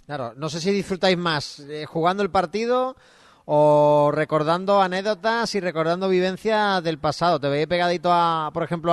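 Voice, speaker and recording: A man hosting a sports radio show, asking his guest questions in a friendly, chatty manner. His voice is a touch high for a man and smooth, recorded close and dry on a studio mic. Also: dry recording.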